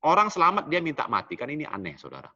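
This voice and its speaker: A middle-aged man delivers a sermon in a bright, animated preaching voice. His pitch rises for emphasis and falls low on the asides. The church recording sounds dull and lo-fi. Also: rapid-fire. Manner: animated preaching, often drops low on "Saudara". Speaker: pastor.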